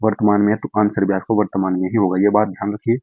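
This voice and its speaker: A man with a low voice talks students through exam answers, coaxing and friendly, addressing them like brothers and checking in again and again. The sound is dry and a little dull, like a lo-fi recording. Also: flat delivery, fast, no echo. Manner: repeats "ठीक है जी" and calls students brother. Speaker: Hindi exam teacher. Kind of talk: exam-prep class explaining answers.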